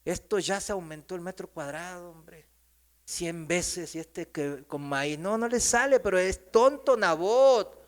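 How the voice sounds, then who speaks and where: A man's voice: high-pitched, measured pace. A man doing a whiny, childish King Ahab. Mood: complaining. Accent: Mexican. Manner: whiny, self-pitying complaining.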